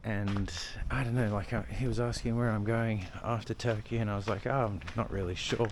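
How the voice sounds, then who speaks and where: A young Australian travel vlogger walks through old-town streets holding the camera, rambling casually and swearing now and then. His voice is lowish and brisk with fairly even intonation, and street and traffic noise is clearly audible.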